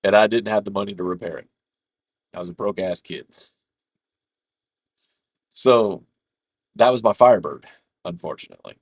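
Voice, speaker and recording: A man's voice: lowish voice, expressive, normal speed, pauses often, husky, no echo. A man casually telling a rambling, profane story while streaming a game. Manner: profane, rambling, laughs through his own anecdote. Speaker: gaming streamer.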